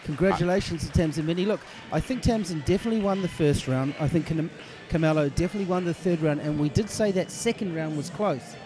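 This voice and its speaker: A man co-commentating a boxing bout, measured and careful in his calls. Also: on the high side, background noise. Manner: measured, hedging analysis. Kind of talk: live fight commentary.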